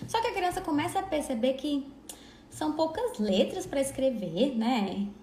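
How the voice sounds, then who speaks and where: A woman teaching literacy in a live online lesson, explaining patiently and sounding words out slowly syllable by syllable. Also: sits high, expressive, darkish tone, a little hiss or hum. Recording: echoey room.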